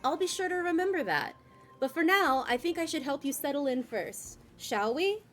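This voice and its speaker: A woman's voice: sits high, animated, moderate pace, a bit bright, faint music behind, voice pushed up. A woman voicing a cheerful, welcoming woman mayor in a game, polite and a little flustered. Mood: friendly.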